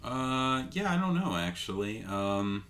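A man's voice: lowish voice, very animated, a little slow, a bit bright. A man co-hosting a casual movie discussion, rambling with lots of "like" and "um". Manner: rambling, many fillers like "like" and "um". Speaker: podcast co-host.

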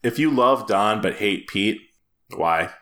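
A man co-hosting a podcast, talking in casual chat. His voice sits a little low, and he keeps breaking into laughter as he rambles along with fillers and restarts. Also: expressive, slow pace, fairly bright tone. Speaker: podcast co-host.

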